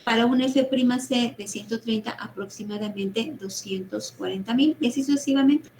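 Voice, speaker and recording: A woman's voice: a little high, moderate pace, darkish tone, slight background noise, poor audio. A woman giving an online engineering lecture over a video call, explaining step by step and checking in with frequent tag questions and fillers. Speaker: university lecturer.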